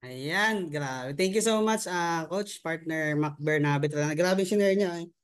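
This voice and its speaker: A man's voice: on the high side, measured pace, smooth. A man hosting a motivational online meeting as a coach, upbeat and preachy, with constant tag questions. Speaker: host and coach.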